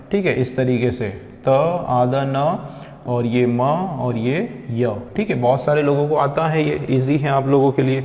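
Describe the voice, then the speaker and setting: A man's voice: a little high, a little mellow. A man teaching a classroom lesson who spells words out letter by letter and addresses his viewers as friends. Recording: echoey room with long reverb.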